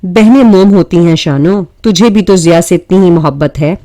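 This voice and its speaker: A woman's voice: on the low side, dark tone, no room sound, natural voice. Woman doing a proud, firm storybook mother. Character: proud affectionate middle-aged mother, woman.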